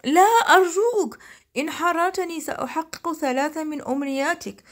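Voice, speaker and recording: Hot-tempered male storybook genie who shouts and begs, played by a woman pitching up. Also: moderate pace, natural voice. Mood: pleading. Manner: shouting, pleading. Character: boastful angry male genie in a bottle.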